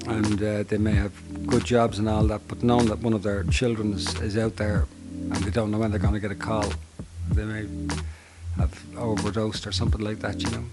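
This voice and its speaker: A middle-aged man from Dublin, Ireland, who manages a homeless service, answers interview questions earnestly in a lowish voice, with many halting restarts.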